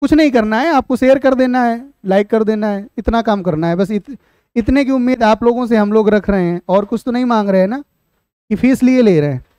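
High-voiced man teaching a Hindi class. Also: brisk, dark tone, clean tone, no room sound. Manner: explains then repeats questions back to students; chatty asides addressing viewers as "beta". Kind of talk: online exam-prep class.

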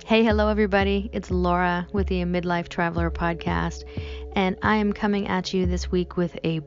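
A woman's voice: lowish voice, fairly even intonation, normal speed, soft background music. A woman hosting a travel podcast, chatting informally to her listeners. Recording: slightly muffled, dry close recording.

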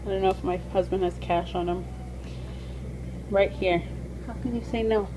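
A young woman, a mother, chatting through her vlog in a gushing, chatty way with soft half-whispered asides, at home and then out at a park. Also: medium pitch, moderate pace. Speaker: vlogger and mother. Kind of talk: casual vlog narration. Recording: steady background noise.

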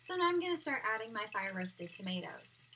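An upbeat young woman talks through a recipe in a small home kitchen, her voice sitting a bit high. She drifts toward and away from the webcam as she works. Clanking pots and clicks are loud under her voice. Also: sing-song, fairly quick. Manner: chatty and upbeat, moving around while cooking. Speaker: cooking instructor. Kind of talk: casual cooking demonstration. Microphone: laptop webcam at a distance. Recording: loud cooking noise and clicks.

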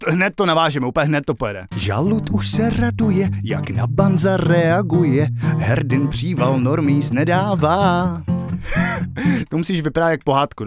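A male streamer at home, chatting casually and joking with a lot of swearing while he works out a song. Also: fairly high pitch. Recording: loud guitar music behind the voice.

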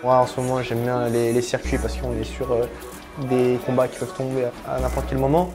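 A man, a fitness coach, explaining training plans briskly in a documentary interview. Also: mid-range voice, monotone. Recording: music bed under the voice.

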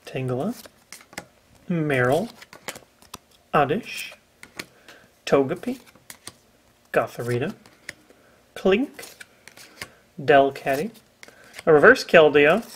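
Laid-back young man, slow deadpan listing with wry asides and lively pitch. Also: a little hiss or hum. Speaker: guest co-host. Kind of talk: casual chat, reading out card names.

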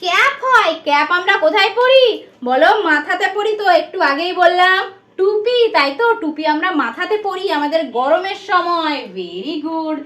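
Bengali woman teacher, super high voice, coaxing kids in a sing-song way, echoey classroom. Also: animated, moderate pace, pushed and bright. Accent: Bengali, from West Bengal. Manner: sing-song, coaxing questions with frequent "tai to?" prompts. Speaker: primary teacher giving a demo class. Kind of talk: demo class teaching English words to small children.

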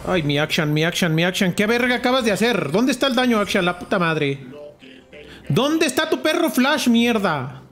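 Excitable high-voiced Mexican gamer man. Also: soft background music. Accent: Mexican Spanish. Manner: excitable, rapid repetitions, frequent swearing, mixes in English words. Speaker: gamer streamer. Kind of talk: live gameplay commentary.

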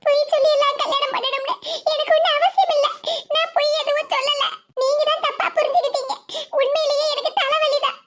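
A performer doing a young cartoon daughter-in-law, Tirunelveli Tamil accent, squeaky high voice, pleading, nervous laughs. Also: flat delivery, a little fast, a bit bright. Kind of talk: cartoon voice acting.

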